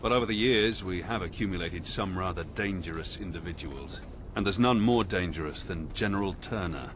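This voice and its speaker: An actor playing a stern, dutiful prison commander in a video game, with a formal military manner. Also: male voice, sits low, a little fast, background noise, lightly acted. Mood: formal, foreboding. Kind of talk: video game cutscene acting.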